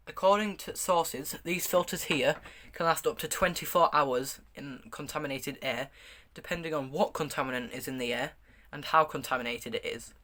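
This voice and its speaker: Man, slightly high pitch, bright forceful tone, casual show-and-tell review, hesitant stop-start delivery. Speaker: gas mask reviewer. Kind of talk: casual product review, showing items to camera.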